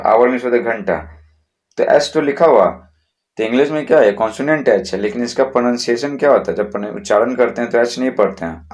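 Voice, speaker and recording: A man, teaching English grammar to schoolchildren in a slow, repetitive way, often checking that students follow. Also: medium pitch, a little mellow, dull audio. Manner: slow, repetitive classroom explaining with frequent checks.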